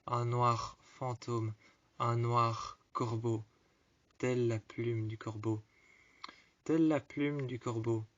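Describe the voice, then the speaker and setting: A man narrates a first-person story at a very unhurried pace, circling back to repeat and reword each phrase. His pitch sits in an ordinary middle range. The recording is a little dull and muffled.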